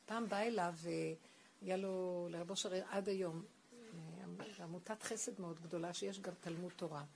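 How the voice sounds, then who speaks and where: A woman's voice: on the low side, creaky, darkish tone. A woman giving a spiritual talk, telling stories of a rabbi and emphatically appealing to her listeners, recorded in an echoey room with noise behind her.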